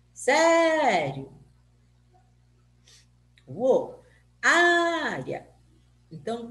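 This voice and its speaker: A woman's voice: mid-range voice, a little mellow, roomy sound, slight background noise. A woman teacher from Brazil with a Brazilian Portuguese accent, patiently explaining grammar in a recorded lesson and asking rhetorical questions.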